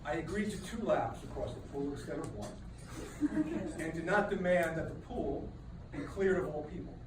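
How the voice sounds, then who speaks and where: Recorded from across a big banquet hall with no microphone, a man with a slightly high voice speaks at a moderate pace. He is giving a funny rehearsal dinner speech, cracking dry jokes at his own expense, and the echoey, distant audio is full of loud crowd laughter.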